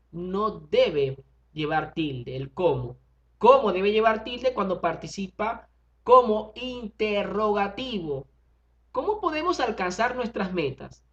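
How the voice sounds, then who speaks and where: A woman teacher explaining a grammar lesson, reading out examples and checking in with short questions. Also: lowish voice. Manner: reads out examples, checks in with '¿ve?' and '¿verdad?'. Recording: dull lo-fi recording.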